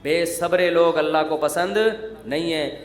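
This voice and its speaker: A man's voice: on the high side, little pitch movement. A male Islamic preacher giving a sermon in a joking, teasing, conversational way. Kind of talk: humorous sermon. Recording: roomy echo.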